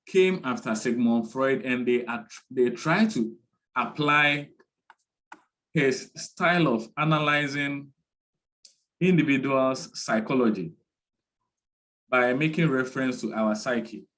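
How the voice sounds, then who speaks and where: A man giving an online lecture, speaking deliberately and repeating key terms for his students. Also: mid-range voice, rough recording.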